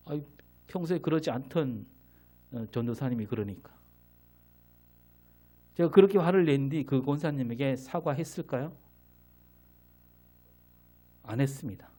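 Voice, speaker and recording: A man's voice: mid-range voice, dark tone. A middle-aged man preaching a sermon as pastor, asking the congregation questions and answering them himself.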